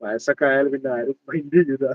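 A man's voice: medium pitch, fast talker, no room sound. Teasing Malabar-accented man on a lo-fi livestream. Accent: Malabar Malayalam. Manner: chatty, teasing, greets viewers by name. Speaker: livestream host. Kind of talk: casual live chat reading comments. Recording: dull lo-fi dry sound.

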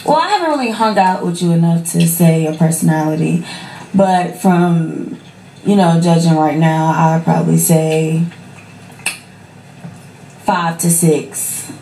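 A woman's voice: fairly low pitch, measured pace, gravelly, pauses often, warm tone. Hesitant, rambling young woman. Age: 20s. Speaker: guest. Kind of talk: casual chat. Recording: echoey room, faint noise.

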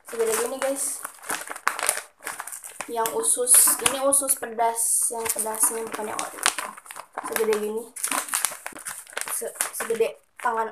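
A woman's voice: fairly high pitch, little pitch movement, unhurried, pauses often. A young woman chats casually while unboxing and reviewing snacks for viewers. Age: young adult. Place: small room at home. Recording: very noisy room, crinkling packaging.

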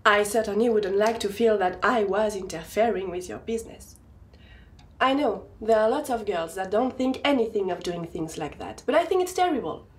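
Playing a prim, wounded woman in naturalistic film dialogue, an actress speaks to her boyfriend with frosty, passive-aggressive courtesy and sarcastic self-pity. Her natural mid-range voice has lively intonation at normal speed. Recorded in a home living room, the audio has roomy echo and a faint background hum.

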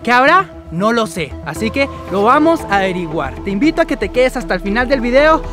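Theatrical Colombian vlogger over music. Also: male voice, very high voice, very animated, a little fast. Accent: Colombian Spanish. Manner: theatrical, hushing, dramatic announcer delivery. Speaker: YouTuber host leading a skit. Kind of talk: scripted comedy vlog adventure. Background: background music.

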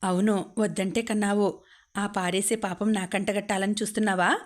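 A woman's voice: medium pitch, little pitch movement, moderate pace, lightly acted. A woman reading a sneering cold husband. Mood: scornful. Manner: cold and mocking. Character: harsh, sneering young husband.

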